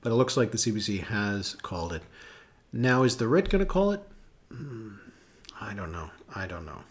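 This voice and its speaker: A political analyst hosts a live election analysis stream in a fairly low, sing-song voice at a moderate pace. He chats casually, thinking aloud with many fillers and reacting to viewers.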